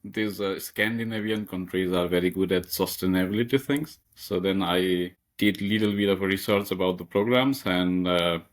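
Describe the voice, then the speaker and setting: A young man from Nepal answers interview questions as a master's student. His voice is low. He hesitates often and fills his pauses while he thinks. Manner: hesitant, many fillers and restarts.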